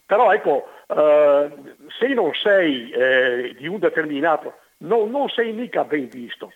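An older man phones in to a radio talk show. His voice sits a little high and sounds husky. It comes through a tinny, band-limited landline phone, and he talks haltingly with frequent fillers. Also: sing-song. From Venice area, Italy. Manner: hesitant, halting with many fillers. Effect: over a landline phone. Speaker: radio call-in caller. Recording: narrow tinny phone line.

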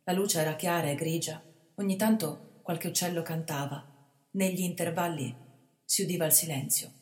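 A woman, an actress, reading a literary short story aloud in a measured, expressive narration. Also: fairly low pitch. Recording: reverberant hall.

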